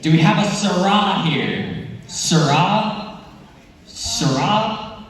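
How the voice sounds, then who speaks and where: A man plays a flustered substitute teacher in a school comedy skit, easily riled and full of threats. His voice is high and he drags out his words in exasperation. It carries from a distance through a big hall with long reverb. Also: lively intonation, full character voice. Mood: stern. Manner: flustered, exasperated, threatening, drawn-out name calling. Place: large indoor school assembly hall.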